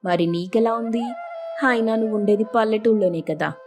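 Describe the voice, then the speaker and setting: Lady voicing a stuck-up rich big sister, bossy and sneering, mellow tone. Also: medium pitch, a little fast, soft background music, close to an everyday voice. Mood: scornful. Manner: haughty, boastful and scornful. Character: arrogant rich elder sister, bossy show-off.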